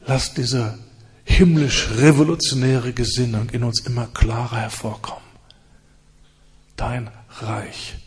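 A man preaching and leading prayer with fervor, in repeated rising phrases and hushed stretches. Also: mid-range voice, steady tone, slow pace, husky. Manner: fervent, repetitive prayer cadence with hushed stretches. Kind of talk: sermon and prayer.

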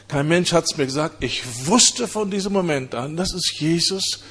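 A man preaching, telling his own conversion story in an earnest, halting way. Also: fairly high pitch, animated, a bit bright, slightly rough. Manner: earnest storytelling with many hesitations. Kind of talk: testimony sermon.

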